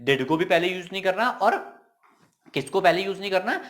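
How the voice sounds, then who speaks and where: A man teaching English grammar in a casual, emphatic lesson. He repeats key points as quick questions and slips in jokey asides. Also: high voice, expressive, a bit bright.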